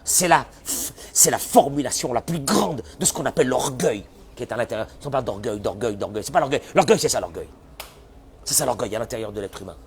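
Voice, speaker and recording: A man giving a sermon as a rabbi, animated, often acting out the voices of people who complain. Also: medium pitch, brisk.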